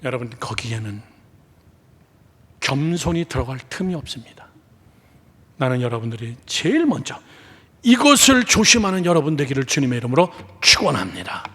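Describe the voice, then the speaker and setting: Impassioned Korean pastor, hall reverb. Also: male voice, mid-range voice, big pitch swings, moderate pace, pauses often, slightly rough. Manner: dramatic, swings from loud exclamations to hushed whispers; acts out quoted speech of biblical characters. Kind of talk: sermon. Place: church sanctuary.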